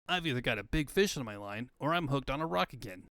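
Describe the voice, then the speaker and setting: A man's voice: medium pitch, expressive, fast, a bit bright, no room sound, voice pushed down. A man voicing a cocky, easygoing young hedgehog hero in a comic book fandub. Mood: easygoing, advising.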